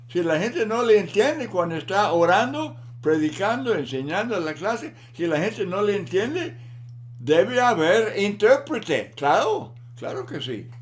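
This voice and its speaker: A man giving a Bible lesson in a slow, deliberate manner, often repeating words for emphasis. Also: high voice, slight background noise. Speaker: Bible teacher.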